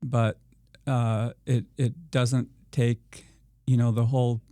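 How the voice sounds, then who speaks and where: A man speaks slowly and haltingly, filling gaps with "um" and "uh" as he restarts his sentences. His voice is smooth and dark and stays flat in pitch. The recording is dry and close, with no room sound. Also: no echo. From Iowa. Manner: slow and halting, many fillers and restarts. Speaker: organic farmer guest. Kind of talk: podcast interview.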